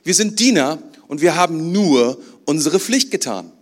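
High-voiced man preaching a sermon. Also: lively intonation, normal speed. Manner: conversational, asks the congregation questions. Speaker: pastor. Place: church.

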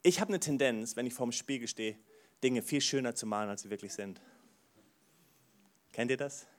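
A man preaching a sermon, animated, moving between soft asides and loud bursts, often exclaiming "wow". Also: mid-range voice, normal speed. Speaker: pastor.

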